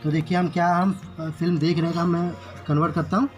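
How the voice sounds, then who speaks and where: A man teaching basic English grammar in Hindi, explaining each example slowly and repeating "ठीक है" after each one. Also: on the high side, flat delivery, faint music behind.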